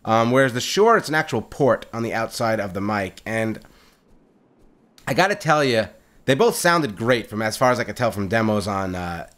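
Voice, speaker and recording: Loud and very animated, this gamer guy has a lowish voice and talks at a normal speed during casual solo gameplay commentary for his channel. His upbeat, chatty delivery is full of fillers and repeated words, picked up by a boom-mounted condenser mic.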